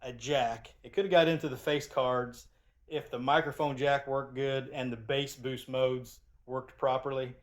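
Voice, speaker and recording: As host of his channel, a man gives a casual, rambling product review, often restarting his sentences. His mid-range voice is steady and a little slow.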